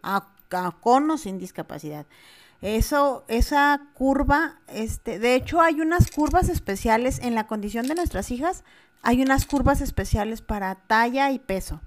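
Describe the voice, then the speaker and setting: A woman's voice: on the high side, animated, unhurried. Mexican woman co-host, candid and earnest, casual chat with filler words. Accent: Mexican Spanish. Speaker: podcast co-host, mother. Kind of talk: casual conversation.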